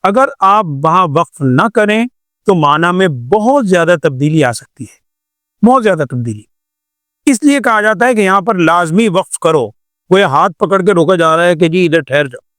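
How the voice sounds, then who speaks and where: An older man from Pakistan gives a patient classroom lecture on Quran recitation, repeating examples and asking rhetorical questions. His voice sits somewhat high and comes across smooth and resonant. The sound is close and dry, with no room around it. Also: lively intonation, a bit bright, dry recording.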